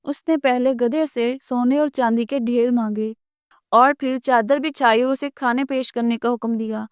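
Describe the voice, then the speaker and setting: A woman narrating a scripted children's cartoon story in an even storytelling manner. Her voice is fairly high, smooth and clear. The recording is close and dry. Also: no room sound.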